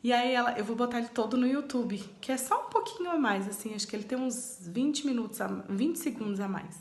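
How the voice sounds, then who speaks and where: A woman's voice: a little high, animated, a little fast, echoey room. A Brazilian woman in her thirties giving parenting advice in a chatty vlog, talking straight to her viewers. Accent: Brazilian Portuguese. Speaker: parenting vlogger.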